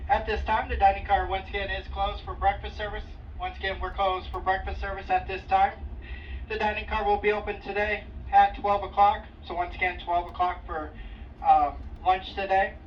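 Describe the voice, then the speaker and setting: A dining car attendant makes a measured announcement over a train's public-address loudspeaker, repeating the key details. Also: mid-range voice, flat delivery. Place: on board a moving train. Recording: distant muffled PA with noise.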